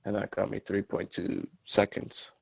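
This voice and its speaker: A man's voice: on the low side, steady tone, normal speed, creaky, a little mellow, breathy edge, dry recording. A male student explaining his answer on a laggy video call, his audio glitching and cutting out. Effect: choppy glitchy audio that keeps cutting out. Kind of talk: casual explanation in an online class. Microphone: phone on a laggy video call.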